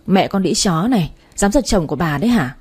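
A furious jealous wife in a spoken storybook, abusive and screaming insults, as a woman narrator puts her on. Her voice stays mellow and slightly breathy. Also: on the low side, animated, fairly quick.

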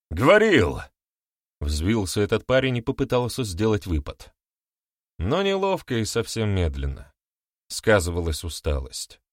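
A man narrating an audiobook with expressive storytelling. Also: lowish voice, no echo, clean studio sound. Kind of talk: scripted narration.

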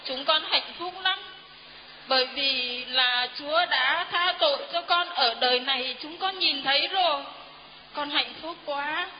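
A woman's voice: sits high, slight background noise. A middle-aged woman giving an earnest, deferential testimony to a priest in a church hall. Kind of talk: heartfelt spoken testimony. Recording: dull reverberant hall recording.

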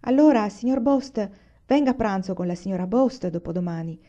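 A woman reading the lines of a calm, practical pioneer mother in a storybook. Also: medium pitch, moderate pace, dull audio, natural voice. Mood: kind.

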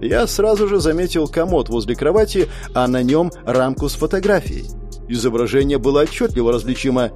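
Expressive male audiobook narrator. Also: mid-range voice, fairly quick, soft background music. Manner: emotional, expressive first-person storytelling.

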